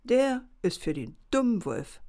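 A woman's voice: on the high side, very animated, measured pace, dark tone, pitched above the performer's own voice. A woman voicing a cunning, smug male fox in a children's story, speaking in a wheedling tone with feigned innocence. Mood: sly, scheming.

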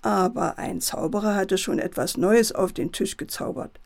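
A woman narrating a children's bedtime story in a gentle, lively way. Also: medium pitch, normal speed, creaky.

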